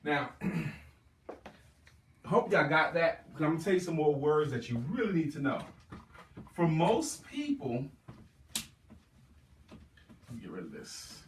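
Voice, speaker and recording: A man runs a sales training session, his delivery lively and swooping as he hammers home key words again and again. His voice sits a bit high for a man. The sound is roomy and picked up from some distance away. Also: slow, pauses often, slight background noise. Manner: emphatic, repeats key words for stress. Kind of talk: motivational sales seminar talk.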